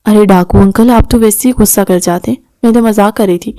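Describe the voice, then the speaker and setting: A woman's voice: mid-range voice, steady tone, warm tone, no echo, natural voice. A woman voicing a mischievous young woman in an audio novel, teasing and bratty.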